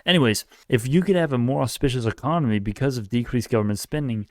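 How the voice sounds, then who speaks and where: A man's voice: medium pitch, fast, no echo, studio quality. A man in his late teens rambling through an opinionated political rant, often restarting and correcting himself. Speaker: YouTube commentator. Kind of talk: casual political rant to camera.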